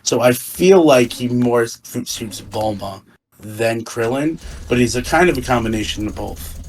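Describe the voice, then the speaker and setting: A drunk man in a casual fan discussion, rambling and halting as he repeats and restarts his phrases. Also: medium pitch, lively intonation, slight background noise, rough recording. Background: music.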